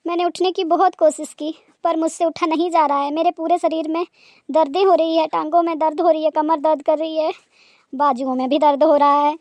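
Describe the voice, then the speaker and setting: A woman's voice: sits high, flat delivery, fairly quick, darkish tone, dry recording, natural voice. A woman voicing a lazy young daughter-in-law who fakes illness and talks in a whiny, complaining way.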